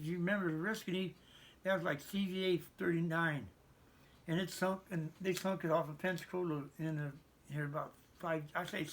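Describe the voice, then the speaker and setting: A man's voice: fairly high pitch, creaky, fairly bright tone. An American man in his seventies, a veteran remembering his service in rambling, folksy conversation with stammered repeats. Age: 70s. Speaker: interviewed Navy veteran. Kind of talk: conversational reminiscence.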